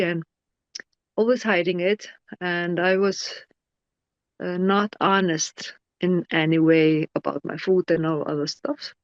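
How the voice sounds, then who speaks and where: A middle-aged woman tells her personal story, speaking very slowly and searching for words with fillers and restarts. The recording sounds dull and lo-fi but very dry, with no room around her. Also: lowish voice, no room sound. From Iceland. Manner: halting, with many fillers and restarts; non-native English grammar. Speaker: interview guest. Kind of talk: personal testimony.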